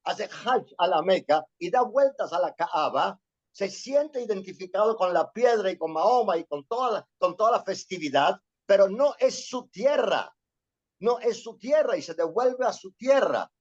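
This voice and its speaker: Lecturing on history, a man from Venezuela keeps asking his listeners "¿sí?" and repeats phrases while hunting for words. He has a high voice with lively intonation and normal pace, captured in dull lo-fi sound.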